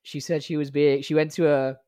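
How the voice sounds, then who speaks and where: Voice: medium pitch, level tone, brisk, warm tone, dry recording, studio quality. A co-host of a comedy podcast, joking and slipping into playful quoted voices. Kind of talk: casual comedy chat.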